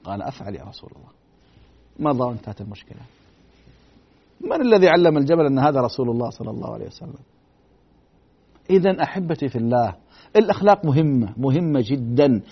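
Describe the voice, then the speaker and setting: A man giving a dramatic religious storytelling lecture, swinging between loud emphasis and hushed tones and asking rhetorical questions. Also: mid-range voice, animated, fast, pauses often, breathy edge. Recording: dull lo-fi broadcast recording.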